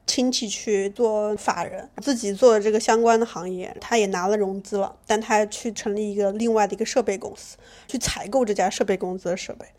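Fast-talking young woman guest. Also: mid-range voice, steady tone, darkish tone. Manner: laughs often, swears, acts out quotes. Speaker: podcast guest, blogger. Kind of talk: casual chat.

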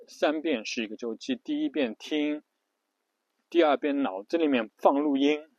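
A man with a mid-range, slightly mellow voice gives a casual spoken pronunciation lesson, recorded dry with dull audio. He is an English pronunciation teacher who repeats himself often, spells letters out, and uses lots of fillers and restarts.

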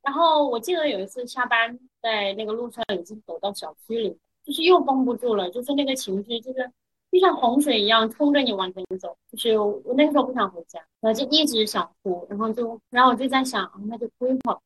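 A woman's voice: a little high, expressive, fast talker, a bit bright, husky, poor audio. A woman, a podcast guest, telling a personal story in casual conversation, moving between tears and laughter. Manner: tearful storytelling that breaks into laughter.

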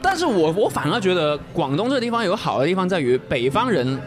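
A man's voice: high-pitched, sing-song, quick pace, over music. A man from Guangzhou speaking Mandarin with a light Cantonese accent, explaining things in a casual podcast chat as a guest. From Guangzhou, China. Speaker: guest, full-time short-video creator.

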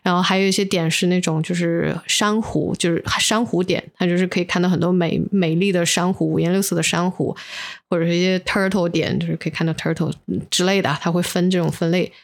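A woman's voice: on the low side, fairly even intonation, fast talker, creaky. A woman co-hosting a podcast while under the weather, telling personal stories casually and mixing English words into her Mandarin. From inland China. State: unwell, recording while sick. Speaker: podcast co-host. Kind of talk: casual chat, personal storytelling.

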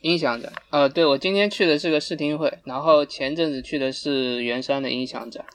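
A man's voice: fairly high pitch, fairly quick. A man co-hosting a podcast, chatting casually in a hesitant, matter-of-fact way. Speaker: podcast co-host. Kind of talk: casual chat.

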